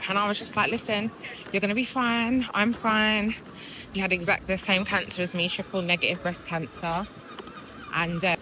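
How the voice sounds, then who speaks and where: A woman in her thirties chatting candidly and upbeat in a casual vlog. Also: lowish voice. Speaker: vlogger. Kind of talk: casual vlog chat to camera. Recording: noisy background.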